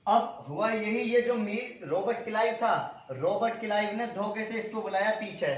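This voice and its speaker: High-voiced guy teaching history, asks and answers his own questions, very echoey room. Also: moderate pace. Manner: asks questions and answers them himself, repeats key names. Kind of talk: exam-prep history lecture. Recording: echoey room, dull lo-fi sound.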